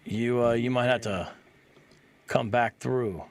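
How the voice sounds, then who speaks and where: A man hosts a live online talk show in a loose, friendly way, tossing in "bro" and "man". His voice sits in a middle pitch. The sound is close and dry. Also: steady tone, slow pace, no echo. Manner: easygoing, calls guests bro and man. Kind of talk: casual live-stream talk.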